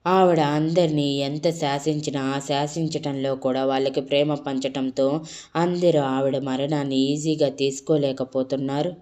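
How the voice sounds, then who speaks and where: A woman storyteller reading an audio love story aloud in a steady way, now and then correcting herself mid-word. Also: low-pitched, normal speed.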